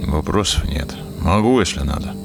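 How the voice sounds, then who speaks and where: An actor playing a weary, cynical and gruffly loyal naval officer in a naturalistic drama. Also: male voice, very deep voice, expressive, normal speed, over music. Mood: subdued, businesslike.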